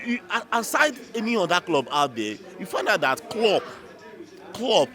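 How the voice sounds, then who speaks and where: A man's voice: on the high side, fairly bright tone. A man with a Nigerian accent giving unscripted football reaction as a fan, emphatic and repeating phrases for effect.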